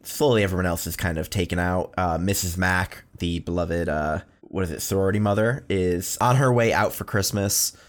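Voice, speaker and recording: A man co-hosting a casual film podcast, recapping the plot in a relaxed way. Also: low-pitched, moderate pace, few pauses. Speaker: podcast co-host.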